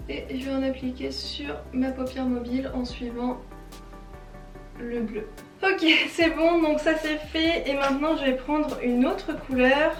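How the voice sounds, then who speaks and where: A woman's voice: high voice, reverberant, distant mic. A chatty French woman with a French accent, talking through a makeup tutorial and explaining each step with self-deprecating asides. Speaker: beauty vlogger.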